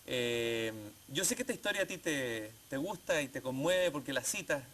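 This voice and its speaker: A man hosting an interview program, speaking in a measured way and stretching some phrases slowly. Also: medium pitch, animated, fairly bright tone, slight background noise. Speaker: TV program host.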